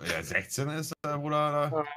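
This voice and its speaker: A man's voice: a little high, sing-song, normal speed, pushed and bright, no room sound. A young man joking casually in a gaming voice chat.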